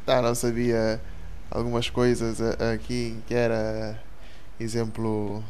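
Halting young man, even-toned. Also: mid-range voice, a little hiss or hum. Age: young adult. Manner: halting, repeats words and phrases as he goes. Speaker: interviewee. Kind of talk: personal account in an interview.

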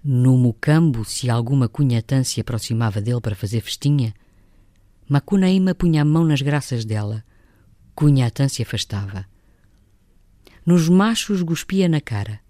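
A woman, an actress, reading a novel excerpt as literary narration in a measured, expressive storytelling manner. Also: very deep voice, dry recording, studio quality.

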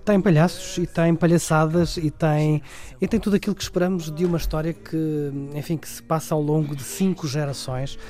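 A man's voice: fairly high pitch, fairly even intonation, brisk, warm tone. A man with a European Portuguese accent giving a conversational, wordy film review, often repeating and rephrasing as he goes. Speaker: film critic.

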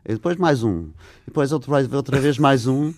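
With a medium pitch and darkish tone, an older man from England speaks animatedly and fairly quickly as an interview guest. He answers in Portuguese, a learned language since English is his first, hesitating and using many fillers. Recorded at studio quality with no room sound.

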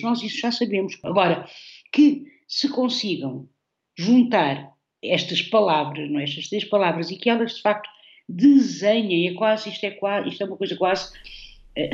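A woman's voice: fairly low pitch, a little mellow, dull audio. Reflective Portuguese woman analysing poetry. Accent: European Portuguese. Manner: reflective, analytical, with frequent tag questions. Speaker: guest poet. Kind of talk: radio conversation about poetry.

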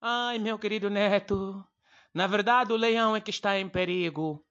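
A male comedian voicing a calm, wise old grandfather who speaks slowly and gently. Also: high-pitched, dull audio. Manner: slow, unhurried, gently teasing.

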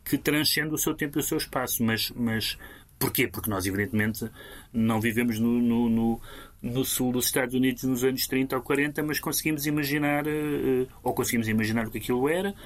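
Portuguese guy on a radio book chat, halting, lots of ums and restarts. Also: medium pitch. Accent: European Portuguese. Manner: hesitant, many fillers and restarts. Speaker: book critic. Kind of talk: radio culture discussion.

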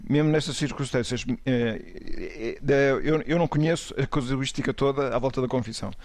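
A man with a European Portuguese accent, a priest speaking in a panel discussion, measured and hesitant, often restarting his sentences. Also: medium pitch, darkish tone, no echo.

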